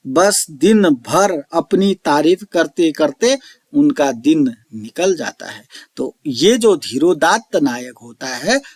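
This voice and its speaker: A man teaching an online lecture, slowly explaining each term and repeating it, reciting verse lines drawn out. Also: a little high, dry recording, clean studio sound. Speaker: Sanskrit teacher.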